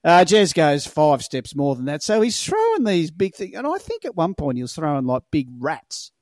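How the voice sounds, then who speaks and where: Laconic Australian bloke telling yarns. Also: male voice, fairly high pitch, wildly swooping pitch, moderate pace, darkish tone, dry recording, clean studio sound. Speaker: podcast guest, lure fisherman. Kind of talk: casual chat, rambling anecdotes.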